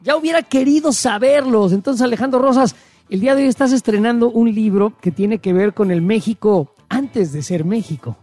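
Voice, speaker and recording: A man's voice: high voice, moderate pace, darkish tone, no room sound, faint music behind. A man with a Mexican Spanish accent, co-hosting a radio talk show in a casual, joking way, full of slang. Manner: informal, joking, uses slang.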